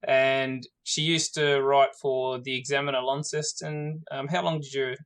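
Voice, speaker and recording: A man chatting casually as a podcast host and interviewer, at a middle pitch. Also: level tone, a little slow, fairly bright tone, clean tone. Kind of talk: casual bantering chat.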